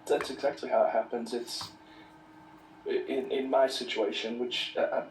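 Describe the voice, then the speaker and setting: A man talking casually in a halting way, restarting his phrases. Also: medium pitch, flat delivery. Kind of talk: casual conversation. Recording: echoey, distant, faint hiss.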